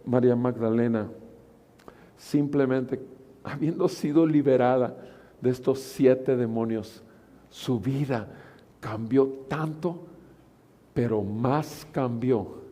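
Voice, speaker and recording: A man's voice: medium pitch, vocal fry, warm tone, long reverb tail. A Mexican man preaching a sermon as pastor, building to emphatic, repeated declarations. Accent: Mexican Spanish. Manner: preaching with rising, emphatic repetitions.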